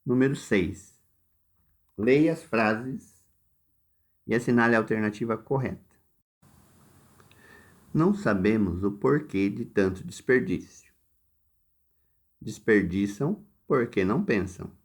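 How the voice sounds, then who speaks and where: A man with a Brazilian Portuguese accent teaching a recorded lesson, explaining exercises slowly and step by step, directly addressing his students. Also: on the low side. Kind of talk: recorded lesson walking through workbook exercises.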